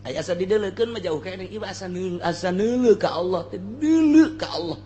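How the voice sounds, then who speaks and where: Speaking fairly fast in a high-pitched voice with lively intonation and a dark tone, a Sundanese-accented man gives an informal sermon that includes Arabic recitation. He is an Islamic preacher and teacher whose earthy, colloquial delivery leans on repeated phrases for emphasis. A little hiss or hum sits under the recording.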